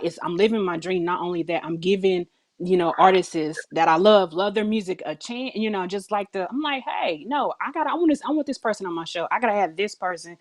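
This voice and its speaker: A woman hosting an online show, talking in a rambling, gushing way. Her voice sits a little low for a woman. The sound comes through a video call. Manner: excited, effusive, rambling. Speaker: host. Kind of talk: casual chat.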